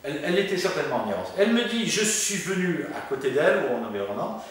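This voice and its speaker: A man's voice: fairly high pitch, quick pace, heavy reverb, distant mic. A man telling a long personal story in casual conversation, acting out the voices he quotes with lots of fillers and restarts. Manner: lively, acts out quoted voices, frequent fillers. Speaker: medium telling ghost stories. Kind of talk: animated storytelling chat.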